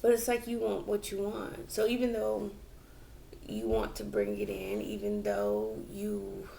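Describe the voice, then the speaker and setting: Female tarot reader, unhurried and musing, heavy vocal fry, faint background hiss. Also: mid-range voice, lively intonation, mellow. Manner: slow and reflective, with many fillers and restarts. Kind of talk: tarot reading for viewers.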